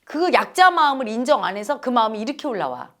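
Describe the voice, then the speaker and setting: Middle-aged woman, spiritual teacher giving a talk, high and very lively voice, acts out the voices she quotes. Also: quick pace. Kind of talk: dharma talk.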